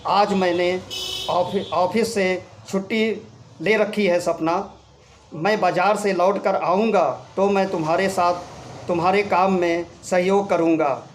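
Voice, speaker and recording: A loving, sentimental middle-aged husband in an audio story, voiced by a man. He speaks slowly and tenderly in a fairly high voice. A faint noise runs under the recording. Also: fairly even intonation. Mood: affectionate. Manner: tender, pleading.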